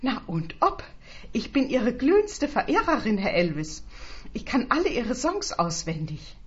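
A woman voicing an excitable elderly woman with a walker who gushes and squeals, then turns indignant. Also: measured pace, dull audio. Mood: gushing. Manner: shrill, gushing and indignant.

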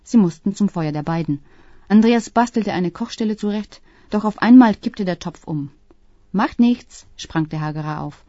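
A woman reading a literary story aloud in a calm, even storytelling voice. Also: medium pitch, moderate pace, no echo. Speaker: audiobook reader. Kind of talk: scripted literary narration. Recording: dull, dry close-mic sound.

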